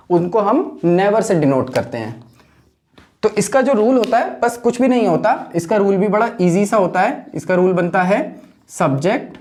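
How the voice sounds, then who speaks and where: A man teaching an English grammar lesson, who keeps asking rhetorical questions and slows right down to spell out each example sentence. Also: high-pitched, darkish tone.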